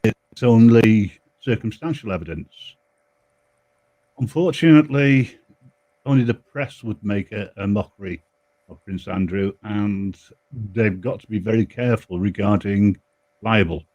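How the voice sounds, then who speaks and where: Man, call guest, audio chopping and breaking up, measured pauses, dry sound. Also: fairly low pitch, a little mellow, no echo, dull audio. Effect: choppy online call audio that keeps breaking up. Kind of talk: casual panel chat. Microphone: remote video call.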